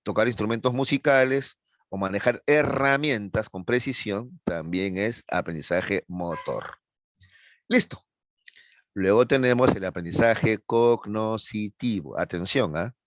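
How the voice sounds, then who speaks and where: A man with a low voice lectures a class, constantly checking that the students are keeping up. The sound is dry and a little dull, as though taken from a modest recording in a classroom. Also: unhurried, dry recording. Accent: Peruvian Spanish. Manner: explains with frequent checks for understanding. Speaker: teacher.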